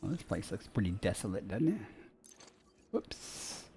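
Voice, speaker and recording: A man's voice: fairly low pitch, big pitch swings, measured pace, gravelly, mellow, slight background noise. A man streaming a space game, chatting casually with viewers and musing aloud with dry sarcasm. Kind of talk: casual gameplay chat with viewers.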